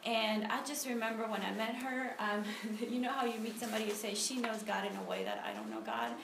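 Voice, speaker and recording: At a church ministry meeting, a Honduran woman in her thirties talks through her personal testimony and prays, her voice on the high side, lively in intonation and a little fast. Her manner is conversational, with frequent ums and restarts. A phone set on a table captures the echo and the noticeable background noise.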